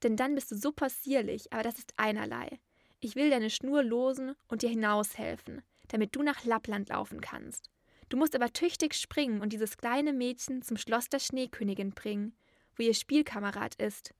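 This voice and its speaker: A woman's voice: a little high, moderate pace, dry recording, studio quality, close to an everyday voice. A woman voicing a wild little robber girl, blunt, bossy and threatening, in a storybook reading. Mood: brusque.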